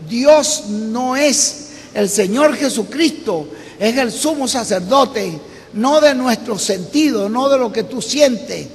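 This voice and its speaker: A Venezuelan preacher with a remarkably high voice tells stories from the pulpit, acting out the people's words and shouting the climaxes. His voice rings through a hall with a long echo. A faint background hum sits under everything. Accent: Venezuelan Spanish. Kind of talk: storytelling sermon. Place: church meeting hall. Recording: echoey hall with faint ambience.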